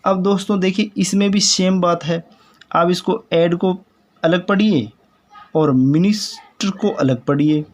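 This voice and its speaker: A man teaching English pronunciation in Hindi, patiently spelling out words and repeating them slowly while speaking to viewers as friends. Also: high voice. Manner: addresses viewers as friends, explanatory.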